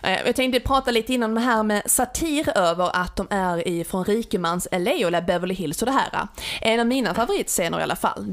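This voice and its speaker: A woman co-hosting a casual film discussion podcast, relaxed, with hesitant fillers. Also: mid-range voice. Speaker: podcast co-host.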